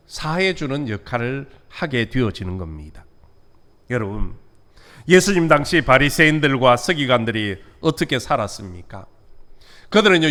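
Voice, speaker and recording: A man preaching a midweek sermon as pastor, lifting his voice on key words and letting sentence endings fall away softly. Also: on the high side. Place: church sanctuary.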